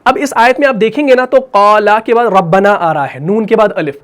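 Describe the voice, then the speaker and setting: A man with a Pakistani Urdu accent gives a tajweed lesson. He explains each rule patiently and says it again more than once. He stretches vowels out slowly to show how a recitation should sound. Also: high-pitched, animated, fairly bright tone. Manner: explains patiently, repeats rules, models drawn-out recitation. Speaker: Quran recitation teacher.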